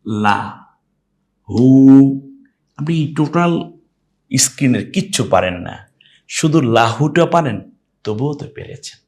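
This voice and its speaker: A man guiding a recitation lesson at a very unhurried pace, carefully spelling out each sound in turn. Now and then he slips into a long, sung, stretched-out chant before going back to plain explanation. His voice sits at an ordinary middle pitch for a man. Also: lively intonation, a little mellow. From Bangladesh. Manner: slow, patient spelling-out of sounds, breaking into drawn-out melodic chanting. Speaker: Quran recitation teacher.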